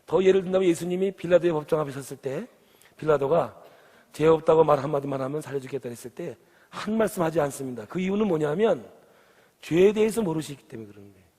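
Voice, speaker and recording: A man's voice: fairly high pitch, expressive, quick pace, dark tone, slightly rough. A man from the Gyeongsang region of Korea with its accent, preaching a sermon and putting questions to the congregation. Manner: asks the congregation questions and urges them to answer. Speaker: pastor. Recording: long hall reverb.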